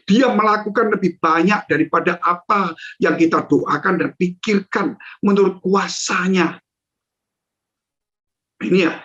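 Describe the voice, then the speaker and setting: A man's voice: on the high side, a bit bright. A male pastor giving a conversational sermon, telling stories and addressing the congregation directly. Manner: conversational storytelling, addresses listeners as "saudara". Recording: dull lo-fi recording.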